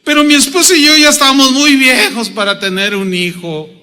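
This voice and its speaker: A man's voice: very high voice, fairly even intonation, fairly quick, pushed and bright, smooth, long reverb tail, pitched above the performer's own voice, exaggerated voice. A man voicing an elderly woman who whines in disbelief and giggles. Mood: wry disbelief. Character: elderly woman, doubtful and wryly amused.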